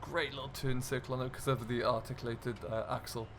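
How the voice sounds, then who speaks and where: In a casual let's-play of a farming simulator, a male gaming video creator hosts with relaxed, chatty commentary for his viewers. His voice is medium-pitched and level in tone, the pace a little fast, with a slight hiss or hum on the recording.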